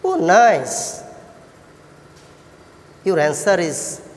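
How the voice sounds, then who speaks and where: A woman with a Bangladeshi accent teaching an English lesson to children, encouraging and praising like a kids show host, with deliberate sing-song questions. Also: lowish voice, sing-song. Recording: echoey hall-like reverb.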